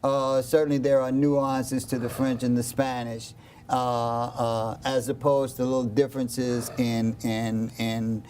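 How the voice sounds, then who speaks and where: Male studio panelist, slow, hesitant and full of pauses, dark mellow voice, faint hiss. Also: medium pitch, flat delivery. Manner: hesitant, with many uhs and restarts. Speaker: host.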